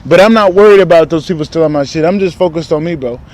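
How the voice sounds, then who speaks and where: A man's voice: fairly high pitch, fast, darkish tone. A man talking in a casual spiritual vlog, rambling and candid, full of profane street slang, recorded outdoors. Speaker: spiritual vlogger.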